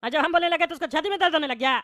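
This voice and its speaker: A woman's voice: high-pitched, very fast, a bit bright, no echo. A woman voicing an arrogant bald politician who picks a fight with the passengers sitting beside him. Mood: angry. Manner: brash, threatening, rude. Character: bald loudmouth politician seated next to them, arrogant and quarrelsome.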